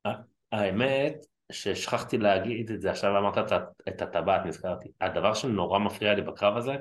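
A man co-hosting a wrestling podcast, speaking in a measured, candid way in casual chat. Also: fairly low pitch.

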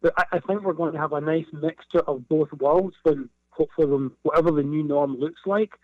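A man with a broad Scottish accent talks as an interview guest in a fairly high voice. He chats conversationally and doubles back on words for emphasis. The sound is dry and a little dull, like a lo-fi call. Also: fairly quick, dry recording. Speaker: business guest.

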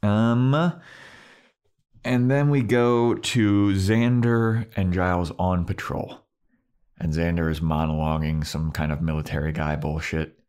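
A man's voice: sits low, steady tone, a little mellow, clean tone. A man casually recapping a TV episode with a co-host, swearing and acting out the characters' lines. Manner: laid-back, swears, acts out characters' lines in quick voices. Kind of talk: casual chat.

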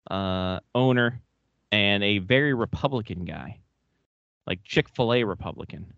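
A man's voice: on the low side, a little slow, vocal fry, a bit bright, dry recording. A man hosting a podcast, chatting casually about sports, profane and rambling, with frequent laughs. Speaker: podcast host. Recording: dry, dull lo-fi sound.

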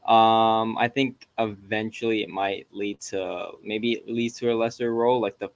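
A man's voice: fairly low pitch, little pitch movement, moderate pace, no echo, lo-fi sound. A man co-hosting a podcast, talking sports in a casual, conversational way. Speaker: podcast co-host.

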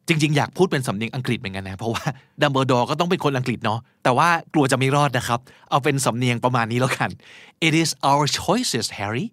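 A man's voice: mid-range voice, fairly bright tone, dry recording, studio quality. A man hosting a podcast vocabulary lesson, explaining words patiently and spelling them out letter by letter. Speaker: podcast host teaching English vocabulary.

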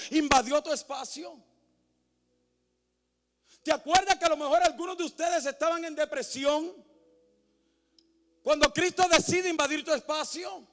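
A male pastor preaching a sermon, swinging from hushed near-whispers to loud, impassioned calls. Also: very high voice, in a large hall.

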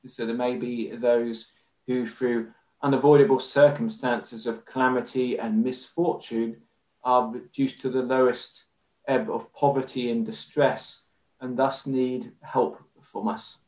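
A man with an English accent, a podcast guest talking in a measured, formal way with many fillers. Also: mid-range voice, flat delivery, darkish tone. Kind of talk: conversational interview. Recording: roomy echo.

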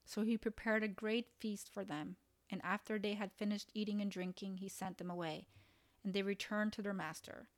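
A woman preaching a devotional sermon in an earnest, measured way, retelling Bible stories. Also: medium pitch, steady tone.

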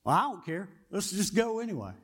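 A man's voice: high voice, very animated, a little fast, a bit bright, breathy edge. A man preaching a sermon, telling the story in a folksy way and often asking his listeners questions. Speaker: pastor.

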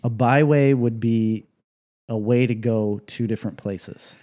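A man's voice: mid-range voice, fairly even intonation, unhurried, mellow. A man in his forties hosting a casual podcast chat, joking and rambling. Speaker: podcast host. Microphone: headset.

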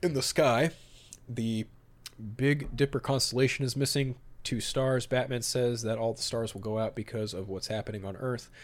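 In a mid-range voice with fairly even intonation and a moderate pace, a man hosts a podcast. He reads summaries aloud, then breaks into emphatic, opinionated commentary with some mild swearing.

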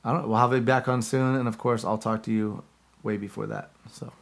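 Male podcast host, rapid and rambling, casual delivery over a video call. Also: fairly low pitch, fairly even intonation, vocal fry. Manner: rambling, loose and chatty. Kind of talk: casual chat.

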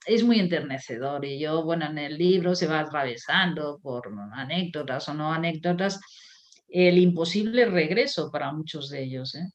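A woman's voice: lowish voice, a little mellow. A woman, a writer and critic, talking in a reflective way with many fillers and restarts. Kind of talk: conversational interview.

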